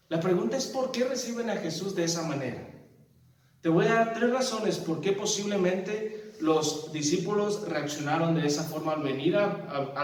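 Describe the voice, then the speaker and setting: A man's voice: sits high, a little hiss or hum. A man preaching a sermon, telling stories animatedly and asking the congregation questions. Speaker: pastor. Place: church hall. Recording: echoey church hall from far off.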